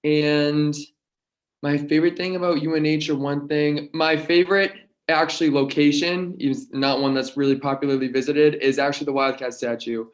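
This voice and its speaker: A man's voice: fairly high pitch, fairly even intonation, moderate pace. A young man from Massachusetts on a casual video call panel, earnest and slightly rambling. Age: young adult. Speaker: student panelist. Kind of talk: casual livestream Q&A.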